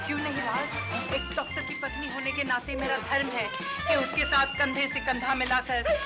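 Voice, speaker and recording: An actress playing a sensible wife who humors a disturbed guest in a coaxing, mock-dramatic way. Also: female voice, very high voice, animated, normal speed. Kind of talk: 1990s Hindi TV sitcom acting. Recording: sitcom with laugh track and music.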